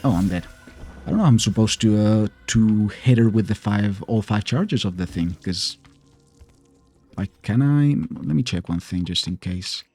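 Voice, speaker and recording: A man's voice: fairly low pitch, normal speed, warm tone, breathy edge, no echo, soft background music. A man casually commenting on his own gameplay, talking to himself and grumbling at the boss he is fighting. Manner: chatty, mutters to himself, argues with the boss. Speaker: gameplay streamer. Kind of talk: casual let's play commentary.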